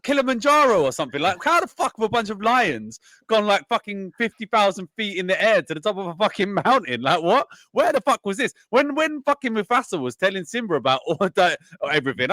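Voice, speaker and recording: A man's voice: a little high, fairly bright tone, dry recording, clean studio sound. A man co-hosting a film podcast, rambling and swearing a lot while a bit drunk. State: tipsy. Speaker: podcast co-host. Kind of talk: casual film review chat.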